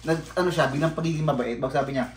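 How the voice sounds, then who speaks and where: A blunt man rants casually to his viewers and swears freely. He drops into low mumbled asides, then bursts out loud. His fairly high voice bounces around an echoey room. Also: steady tone, rapid-fire, faint music behind. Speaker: vlogger. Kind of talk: casual ranting vlog.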